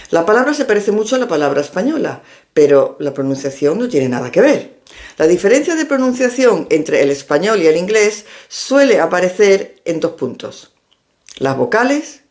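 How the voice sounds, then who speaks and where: Lively-voiced woman teaching a language lesson. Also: lowish voice. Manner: clear, step-by-step instructive delivery. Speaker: English teacher and linguist.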